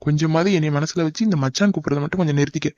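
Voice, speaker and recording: Fast mellow-voiced man, cartoon dub. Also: on the high side, dry recording. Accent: Tamil. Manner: exasperated and pleading. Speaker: voice actor in a cartoon. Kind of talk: animated cartoon dub acting. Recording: dull dry lo-fi recording.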